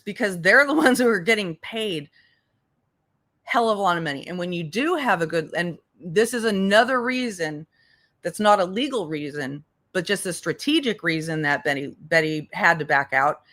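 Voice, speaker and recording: Her voice is medium in pitch and a bit bright. As a livestream host and legal commentator, she speaks casually and without a script, cursing bluntly in exasperation and going back over her points for emphasis.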